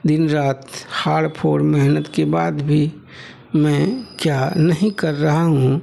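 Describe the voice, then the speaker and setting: A man doing a tired poor husband, pleading and resigned, slow gravelly and dark. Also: a little high, fairly even intonation, full character voice. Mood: soothing. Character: poor hardworking young husband, patient and weary. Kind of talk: audiobook novel reading.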